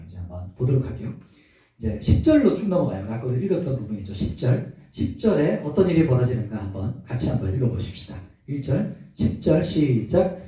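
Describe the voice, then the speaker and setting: A man's voice: medium pitch, dark tone. A male pastor preaching a sermon, telling a story with animation and asking his congregation questions. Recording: echoey hall, from far off.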